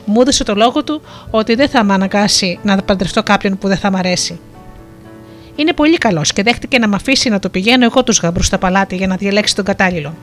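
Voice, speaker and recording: A woman narrator voicing a gentle sea princess disguised as a turtle, melodious, playful and kind, with faint music behind. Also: mid-range voice, lightly acted.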